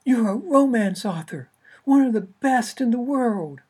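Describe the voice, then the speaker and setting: A woman voicing a loud, impatient female literary agent who pushes hard for a deadline. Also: on the high side, expressive, measured pace, breathy edge, pitched above the performer's own voice. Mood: exasperated. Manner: blaring, pushy, impatient.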